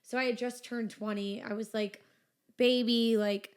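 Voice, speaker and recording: A business owner in her twenties chats casually as a podcast guest, peppering her speech with "like" and "you know." Her voice sits on the high side, with a level tone and measured pace.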